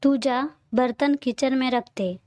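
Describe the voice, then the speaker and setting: A woman voicing a brisk middle-aged mother who is firm with her daughter, in a read-aloud audio story. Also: high voice, darkish tone, no room sound.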